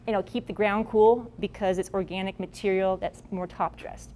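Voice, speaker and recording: A woman's voice: mid-range voice, fairly even intonation, moderate pace, a little mellow, slight background noise. A woman presenting farming advice at a workshop in a casual, blunt, folksy way. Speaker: agricultural presenter.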